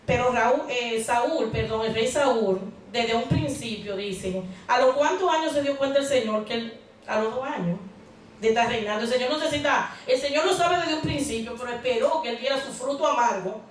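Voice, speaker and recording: Woman preacher, high voice, chatty sermon style with questions to the congregation; heard from a distance in a very echoey church hall. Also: a little fast, slight background noise. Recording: very echoey hall, mic far off.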